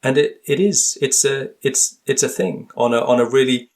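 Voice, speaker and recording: This guest linguist's voice is gravelly and darkish, medium in pitch, at a normal speed. Throughout the interview he sounds thoughtful and hesitant, frequently searching for words and filling his speech with restarts and fillers.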